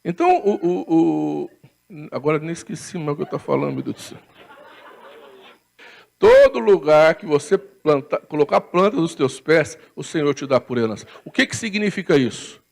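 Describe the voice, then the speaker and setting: His voice is a little high, creaky, and darkish, animated at a normal pace. This Brazilian man preaches as pastor in a church in a conversational, storytelling way, often asking for agreement with tag questions and laughing at his own stories.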